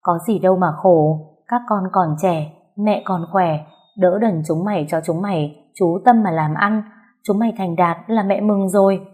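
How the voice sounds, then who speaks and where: A woman's voice: on the low side, normal speed, darkish tone, close to an everyday voice. A woman voicing a caring older country mother who comforts her grown daughter in a told story. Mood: soothing. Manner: soothing, motherly.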